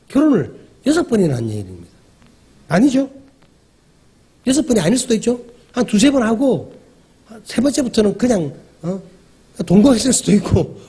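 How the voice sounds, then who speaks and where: A man's voice: high voice, mellow, slightly rough. A male pastor giving a conversational sermon, often asking the congregation questions and acting out the dialogue he describes. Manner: acts out quoted dialogue.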